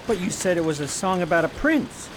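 A man's voice: high voice, very animated, fairly quick, noisy background. A man playing an earnest, plain-spoken young prince and boy sailor in a radio play. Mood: hesitant, puzzled. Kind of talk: theatrical radio play acting.

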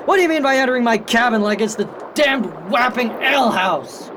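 An actor playing a brutal, hot-tempered pirate captain in a period radio drama, barking threats and orders. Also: male voice, extremely high pitch, expressive, a little fast, noisy background. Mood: enraged.

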